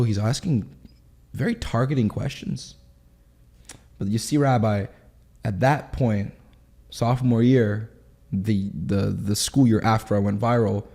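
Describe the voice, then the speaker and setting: A man of twenty, telling his story in a candid interview in quick, animated bursts. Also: lowish voice. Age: 20s. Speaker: guest.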